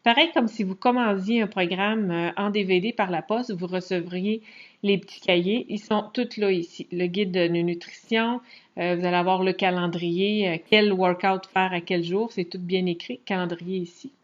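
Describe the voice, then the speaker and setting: A woman with a Quebec French accent giving a casual, chatty screen walkthrough tutorial, pausing often to hesitate as she talks. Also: fairly low pitch. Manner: chatty, relaxed, frequent hesitations. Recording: dull lo-fi recording.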